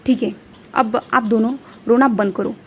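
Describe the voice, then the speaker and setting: A woman reading the part of a gentle, caring older sister in a fan story. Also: a little high, steady tone, moderate pace, slight background noise, natural voice.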